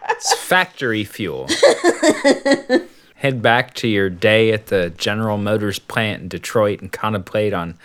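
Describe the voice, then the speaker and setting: A man's voice: on the low side, big pitch swings, unhurried, a bit bright, smooth. Wisecracking man podcast co-host. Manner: wry jokes, swears casually. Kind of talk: casual chat.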